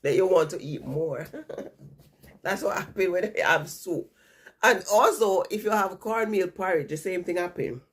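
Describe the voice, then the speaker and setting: A woman with a lowish, husky voice speaks at a normal speed, chatting casually to her vlog viewers. She has a stuffy nose from a cold, and her talk rambles and repeats itself.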